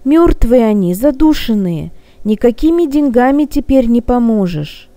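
A woman's voice: a little high, lively intonation, a little slow, dark tone, no room sound. A woman voicing a frightened little orphan girl who pleads through her tears. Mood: tearful. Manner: pleading, tearful.

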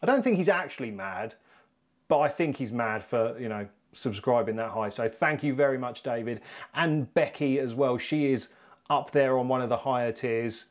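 A man's voice: medium pitch, normal speed. A man with a British accent presenting a home tech video in a chatty, upbeat, self-deprecating way. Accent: British English. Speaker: YouTube home tech vlogger. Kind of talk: casual presenting to camera.

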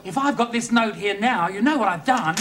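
Fussy muddled man, high voice, flustered TV sketch delivery, very noisy old studio recording. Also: lively intonation, a little fast. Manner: hesitant, flustered. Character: fussy, muddled male comic reading out notes. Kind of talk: TV sketch comedy acting. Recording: old TV studio, loud noise.

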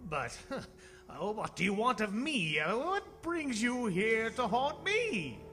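An actor in a live staged radio drama playing a frightened, stammering old miser who pleads hesitantly. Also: male voice, sits high, sing-song, slow, bright, forceful tone, big-room sound, faint music behind, heavily acted. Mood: timid, puzzled. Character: frightened, quavering old miser Ebenezer Scrooge. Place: on a theatre stage. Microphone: stand microphone with pop filter.

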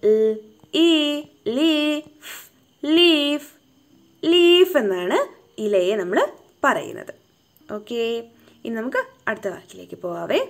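A woman gives a home-tuition phonics lesson. She breaks each word into single sounds, drawing out every syllable and asking gentle questions to coax the learner along. Her voice sits a little high. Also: lively intonation, slow pace, pauses often.

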